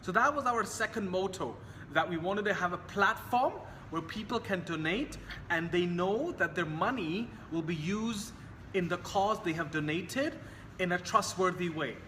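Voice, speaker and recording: A young man from Hong Kong talks in a bright, high voice with an earnest, repetitive manner, circling back to the same phrases. His voice rings with a long reverb, and a faint hiss sits underneath. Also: normal speed. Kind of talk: casual talk to camera.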